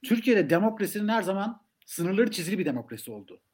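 Male academic guest for political talk show, fairly high voice, emphatic and rhetorical delivery. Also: very animated, quick pace, a little mellow. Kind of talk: political discussion on a live stream.

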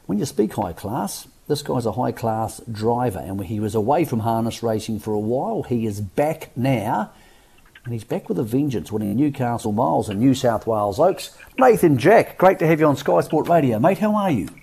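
An Australian man with a dark, slightly rough voice hosts sports radio. He is chatty and matey as he interviews racing guests in a casual style. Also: mid-range voice, expressive, normal speed.

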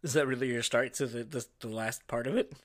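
A man who is high, chatting casually as a podcast co-host in a giggly, laid-back stoner manner. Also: brisk, dry recording, clean studio sound. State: high, intoxicated. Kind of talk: casual banter.

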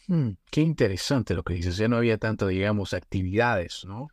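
Low-voiced man hosting a podcast. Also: lively intonation, moderate pace, no room sound, clean studio sound. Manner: rambling, rephrasing, tag questions like "¿no?". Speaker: podcast host. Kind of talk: casual interview conversation.

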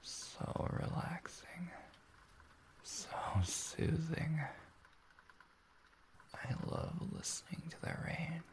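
A man playing a tender, soothing boyfriend in a whispered role-play, speaking softly, warmly and intimately, as if very close to his partner. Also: fairly high pitch, extremely slow, pauses often. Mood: dreamy, calming. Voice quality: soft, breathy whisper with creak.

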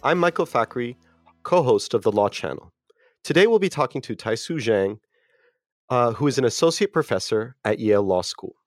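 A man's voice: mid-range voice, animated, normal speed, no room sound, studio quality, faint music behind. A man hosting a podcast, introducing his guest politely and formally. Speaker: podcast host. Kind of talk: scripted interview intro.

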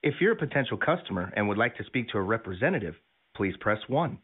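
A man reading a recorded phone menu message in an even, formal way. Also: on the low side, fast talker, slightly rough. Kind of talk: scripted phone menu announcement. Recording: tinny phone line.

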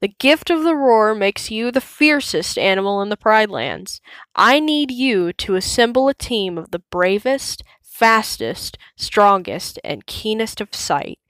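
A woman reading the part of a wise, calm male lion king and father, softly and steadily. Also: medium pitch, a little slow, clear, resonant tone, no echo. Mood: solemn.

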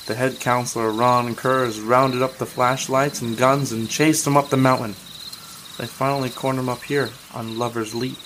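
Guy playing cocky young smart-aleck boyfriend, medium pitch, radio drama, night bugs chirping behind him. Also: close to an everyday voice. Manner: slangy, smart-alecky, casual. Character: cocky young man, sleazy boyfriend and storyteller. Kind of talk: audio drama acting. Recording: noisy outdoor night with crickets and birds.

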